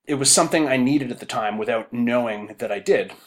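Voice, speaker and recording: Wry, measured man hosting a podcast. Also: mid-range voice. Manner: measured, wry, essay-like delivery. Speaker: podcast host. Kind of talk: podcast talk with a written monologue.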